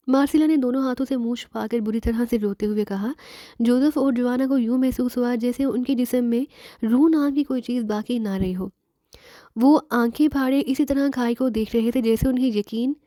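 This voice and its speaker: Mellow-voiced woman narrating a thriller. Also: fairly high pitch, dry recording, studio quality. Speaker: audiobook narrator. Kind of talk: dramatic novel narration.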